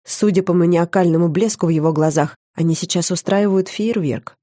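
A woman narrating a first-person fantasy audiobook with wry, lively storytelling. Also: lowish voice, a little fast, no room sound, clean studio sound.

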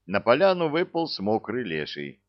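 A man reading a fairy-tale story aloud in an unhurried, expressive way, doing voices for the characters. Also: mid-range voice. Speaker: narrator. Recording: dull lo-fi recording.

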